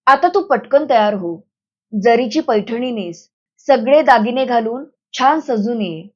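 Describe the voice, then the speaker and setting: A woman's voice: fairly high pitch, lively intonation, measured pace. A woman reading the lines of a strong-willed village man who speaks firmly and reassuringly, on a slightly dull recording. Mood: firm, tender.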